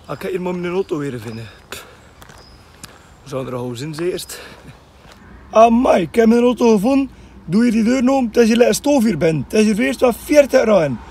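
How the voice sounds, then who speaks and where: A man's voice: sits high, animated, brisk, long pauses, mellow, slight background noise. A young man from West Flanders with a West Flemish accent, chatting casually in his own vlog and tagging his sentences with little fillers. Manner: chatty, with frequent filler tags. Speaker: vlogger. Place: outdoors and at home.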